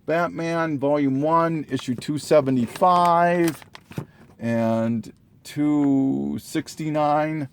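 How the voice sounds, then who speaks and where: A comic collector with a fairly high-pitched voice slowly lists trades from his collection in a casual, halting show-and-tell. He's full of ums and self-corrections, and clears his throat as he loses his voice.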